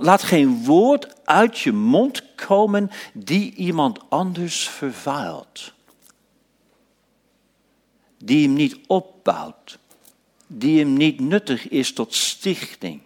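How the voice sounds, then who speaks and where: A man preaching a sermon, dropping to hushed whispers and rising to loud, emphatic passages, slowing down to stress key phrases. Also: medium pitch. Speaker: pastor.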